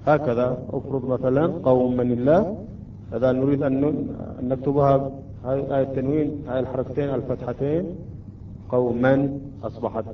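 A man teaching a class on recitation rules, asking his students questions and drawing out example phrases slowly. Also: mid-range voice, a little hiss or hum. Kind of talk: Quran recitation lesson. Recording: distant muffled classroom recording.

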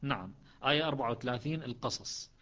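A man teaching a Quran recitation class, chanting verses slowly between quick spoken explanations. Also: medium pitch, sharp tone. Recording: dull lo-fi audio.

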